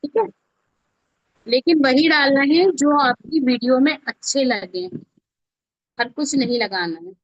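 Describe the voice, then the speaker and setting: A woman with an Indian accent, a video editing teacher, walks learners through an informal online tutorial step by step, conversational and constantly checking they understand. Her high voice is unhurried and pauses often. There's no echo, but the online class recording is dull and lo-fi.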